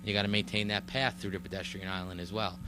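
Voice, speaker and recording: In a village board meeting room, a low-voiced official walks the public through a road project. He halts often, leans on fillers, and keeps restarting sentences, all over a steady, clearly audible electrical hum.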